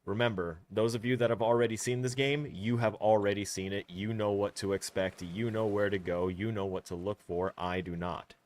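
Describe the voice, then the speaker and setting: Blunt, low-voiced male game streamer. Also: fairly even intonation, normal speed, hardly any pauses, a little mellow. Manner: blunt and firm, rambling with fillers. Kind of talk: casual livestream chat. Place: home room.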